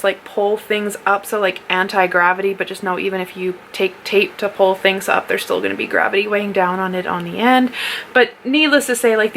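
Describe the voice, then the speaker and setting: A woman's voice: medium pitch, fairly bright tone, slight background noise, poor audio. A woman giving a casual solo product review in a candid, playful, sweary and rambling, tipsy manner.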